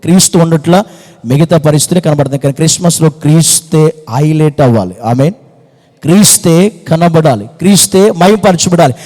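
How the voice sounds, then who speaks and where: A man's voice: on the high side, a little fast, darkish tone, long reverb tail. A man preaching a fervent sermon as pastor, repeating phrases and firing rhetorical questions. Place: church hall.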